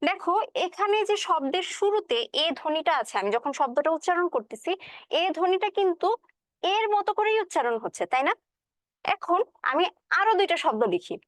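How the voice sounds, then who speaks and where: A woman's voice: extremely high pitch, lively intonation, fairly quick, dry recording, clean studio sound. A woman teacher giving a classroom lecture, explaining step by step and often checking that students follow, with English words mixed into her speech.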